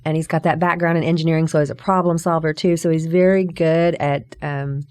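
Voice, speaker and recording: A middle-aged woman sits as a guest, telling her story in a relaxed, chatty way. Her voice sits a little low for a woman, and the sound is dry and close. She talks with animated energy and laughs easily. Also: brisk, no echo. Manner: animated, acts out quoted dialogue with high pitch jumps; laughs often while telling stories. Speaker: guest, business co-owner. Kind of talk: casual storytelling interview.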